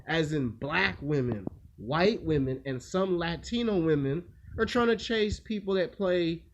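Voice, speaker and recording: A man's voice: on the high side, expressive, measured pace. A man hosting his own video, telling a rambling, crude story in a blunt, casual way and acting out the quoted lines. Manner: loose rambling delivery with acted-out quotes. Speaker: video host. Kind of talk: casual monologue. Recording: dull lo-fi sound with faint noise.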